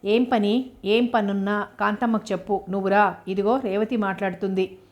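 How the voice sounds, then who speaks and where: A woman's voice: medium pitch, fairly even intonation, normal speed, darkish tone, natural voice. A woman reading the part of a middle-aged man who insistently invites a guest and brushes off refusals.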